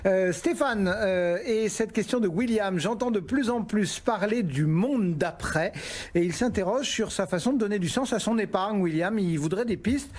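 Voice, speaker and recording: A man hosting a talk show, reading out listener questions haltingly, with fillers. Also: high voice, a little mellow. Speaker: host.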